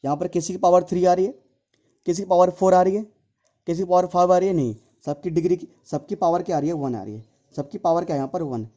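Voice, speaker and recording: A male tutor works through a math lesson, asking his class questions and answering them himself, saying each point over and over. His voice is deeply mellow and dark yet sits a little high. The recording sounds dull and lo-fi. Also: fast talker. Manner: repetitive, asks and answers his own questions, addresses students as dear children.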